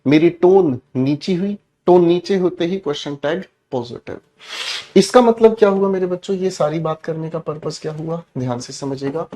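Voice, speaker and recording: Loud animated male teacher. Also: fairly high pitch. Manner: explains with loud shouted example commands, addresses students as "beta". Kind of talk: energetic classroom lesson.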